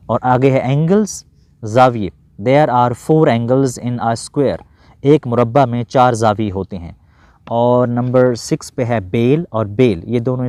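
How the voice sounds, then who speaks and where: A man with a Pakistani Urdu accent teaching grammar, who reads example sentences slowly word by word and translates them, and otherwise explains briskly. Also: mid-range voice, dark tone, no echo. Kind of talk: grammar lesson.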